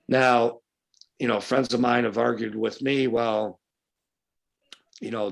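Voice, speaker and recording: A man's voice: fairly low pitch, a bit bright. A man from western New York talking bluntly and casually as a fishing guide at a club meeting, with a folksy, opinionated way of speaking.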